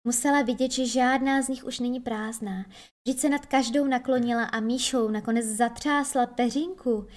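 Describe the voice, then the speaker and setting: Gentle woman reading a children's story. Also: fairly high pitch, steady tone. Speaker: narrator. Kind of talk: children's audiobook narration.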